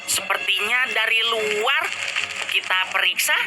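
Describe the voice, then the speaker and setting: A woman voicing a determined young adventurer in an animated game story, giving earnest instructions and exclamations. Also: medium pitch, a little slow, lightly acted. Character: determined young adventurer leading a quest in a block world. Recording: loud music under the voice.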